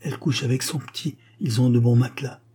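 Man doing a fretful old governess, lamenting, husky, raised pitch. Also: fairly even intonation, fast, mellow, lightly acted. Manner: anxious, lamenting. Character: old fussy governess woman, fretful servant.

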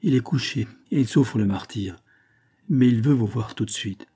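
A man's voice: medium pitch, moderate pace, warm tone, slightly rough. A man voicing a male servant who speaks in a brusque, matter-of-fact, urgent manner.

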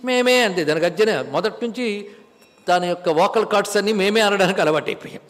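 Male spiritual speaker, higher register, patient explainer who chants verses, recorded with long hall reverb. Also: fast talker, a bit bright. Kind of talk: Bhagavad Gita discourse.

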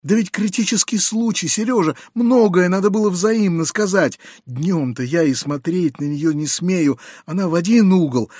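A man reading an audiobook, voicing an anxious, kindly middle-aged uncle who confides in hushed, lowered tones with hurried outbursts. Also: breathy edge, dry recording, studio quality.

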